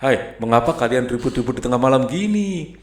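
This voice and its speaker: A man's voice: medium pitch, animated, a little fast, darkish tone, reverberant, close to an everyday voice. A man voicing a night owl that scolds the chickens in a children's storybook reading. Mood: annoyed.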